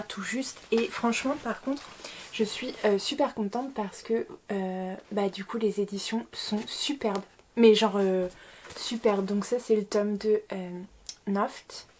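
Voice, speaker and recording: A woman's voice: mid-range voice, a little mellow, a little hiss or hum. A young woman with a French accent chatting casually to camera about books she bought, full of fillers, restarts and self-mocking asides. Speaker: book vlogger.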